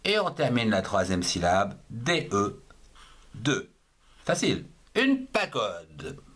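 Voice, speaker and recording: A man gives a handwriting lesson for young children, sounding out each word one syllable and one letter at a time. He talks very slowly and deliberately. His pitch rises and falls in a lively, sing-song way. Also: husky. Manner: spells words syllable by syllable, patient and deliberate. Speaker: handwriting teacher. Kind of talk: slow spelled-out writing lesson.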